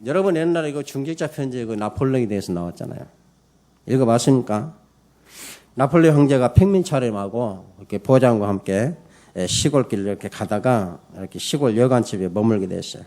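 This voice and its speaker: A man's voice: medium pitch, expressive, fairly quick, warm tone. A man pastor giving a Sunday morning sermon in church, preaching emphatically, calling for amens and telling a story with many fillers. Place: church service.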